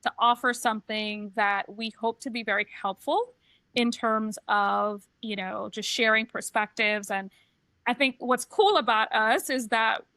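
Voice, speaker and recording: Speaking slowly and steadily, this Trinidadian podcast co-host has a slightly high, bright, forceful voice, recorded with no room sound. She is middle-aged, works as a transition coach, and reflects openly on her own life in a casual chat.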